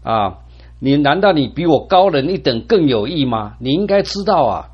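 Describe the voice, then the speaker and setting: A pleading, lamenting old sufferer, as a preacher puts him on, his pitch rising and falling widely as he cries out. The voice is husky, and the recording sounds dull and lo-fi. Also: sing-song, moderate pace. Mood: anguished pleading. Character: anguished suffering old man pleading with God.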